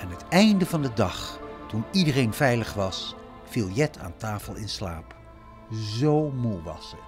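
A man narrating a children's story in a slow, expressive storytelling way. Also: medium pitch, faint music behind.

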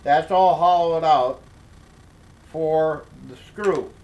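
An older man explaining a workshop project at his workbench, talking slowly with many fillers and restarts. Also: on the high side, a little mellow, lo-fi sound. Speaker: DIY workshop instructor. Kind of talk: hands-on workshop tutorial.

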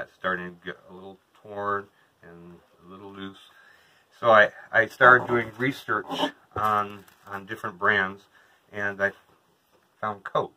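A man's voice: fairly low pitch, sharp tone, rough recording. A man in his thirties, a vlogger, chatting casually to a camera across from him inside a small trailer. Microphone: camera a couple of metres away.

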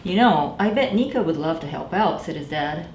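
Reading a picture book at a children's storytime, a woman in her thirties who is a librarian animates the characters with distinct voices and addresses the children directly. Her voice is on the low side at a moderate pace, captured in an echoey small library room with faint noise.

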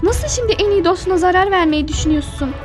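A woman's voice: very high voice, lively intonation, music in the background, voice pushed up. A woman voicing a protective young older sister in a toy-figure drama, pleading and caring by turns. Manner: pleading then tender, fast-shifting.

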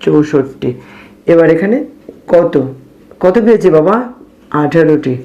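A man teaching arithmetic to young children, speaking softly and patiently, counting steps aloud and quizzing his students, with a Bangladeshi Bengali accent. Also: on the high side, measured pace, lo-fi sound. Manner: speaking softly on purpose late at night. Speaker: math teacher. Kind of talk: math lesson for young children.

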